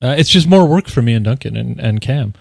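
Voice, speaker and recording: A man in casual conversation, speaking deliberately with small pauses inside his sentences. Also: medium pitch, animated, gravelly, a little mellow, breathy edge, no room sound, studio quality. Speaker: podcast cast member and audio editor. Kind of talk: casual chat.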